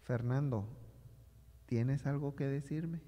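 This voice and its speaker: A man voicing his stern single mother in a sermon story, speaking low, quiet and firm. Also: takes it slowly, long reverb tail, full character voice.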